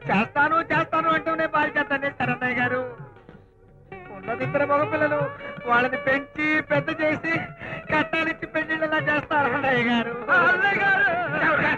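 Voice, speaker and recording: A wailing, comically grieving widower. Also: male voice, very high voice, normal speed, dull audio, loud music behind the voice. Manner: wailing, laughing while crying. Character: grieving man wailing over his dead wife, comically. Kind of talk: film comedy scene.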